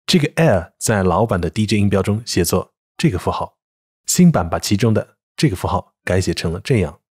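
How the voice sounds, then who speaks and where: A man with a fairly low, slightly husky voice explains pronunciation points in a calm, even scripted voice-over. He slows right down to demonstrate example words one by one, clear and deliberate. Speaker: English pronunciation teacher.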